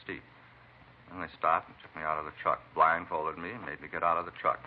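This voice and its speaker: A man's voice: extremely low pitch, level tone, fairly quick. An actor playing a beaten, talkative American truck driver in a vintage radio drama, rambling and folksy in plain working-man talk. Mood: weary recounting. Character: beaten truck driver, talkative, folksy, eccentric self-styled bump-reader. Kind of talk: 1940s-50s radio acting. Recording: muffled vintage radio recording, faint hiss.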